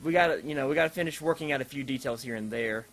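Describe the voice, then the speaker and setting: A man with a mid-range, somewhat bright voice talks rapid-fire as host of an online creative group's announcement video. His casual, unscripted remarks wander and stall as he rephrases, and electronic dance remix music runs underneath.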